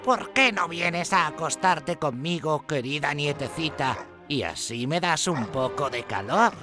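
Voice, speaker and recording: A man voicing a sly, hungry wolf who talks in a falsely sweet, slow, coaxing way in a storybook reading. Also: on the high side, lively intonation, music in the background, voice pushed up.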